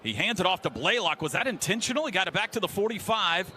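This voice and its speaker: Very animated and fast, this man's high voice is bright with a forceful tone as he calls a football game. He speaks with an American accent in short, clipped phrases from the stadium broadcast booth. The live radio sportscast has faint noise.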